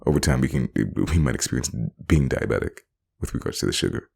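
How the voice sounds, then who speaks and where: A man's voice: a bass voice, animated, quick pace, vocal fry, a little mellow, slightly rough. A man giving a rambling, casual monologue, often repeating himself and laughing between phrases. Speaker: vlogger.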